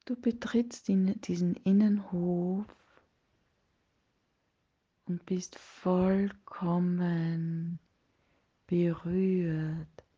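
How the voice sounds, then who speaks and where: This guided meditation features a woman with a lowish voice and steady tone, speaking softly, breathily and partly in a whisper. She sounds hushed and soothing and pauses at length between phrases, and the audio is dull.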